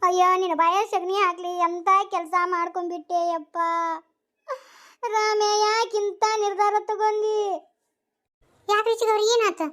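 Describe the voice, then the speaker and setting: A woman's voice: very high-pitched, level tone, moderate pace, pauses often, fairly bright tone. A woman voicing a wailing village wife and a grieving mother-in-law in a cartoon, lamenting with a North Karnataka Kannada accent. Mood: grief-stricken. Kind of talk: cartoon voice acting.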